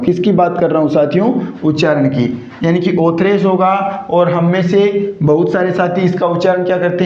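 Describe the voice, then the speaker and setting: A man's voice: high voice, warm tone. A male teacher giving a grammar lecture, who keeps asking the class questions and answering them himself, repeating each key point. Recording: echoey, dull lo-fi room sound.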